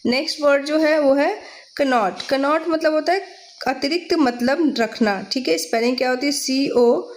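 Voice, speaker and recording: A woman with an Indian accent runs an exam-prep vocabulary lesson, spelling English words letter by letter and checking in with "theek hai." Her voice sits high and she talks at a normal speed.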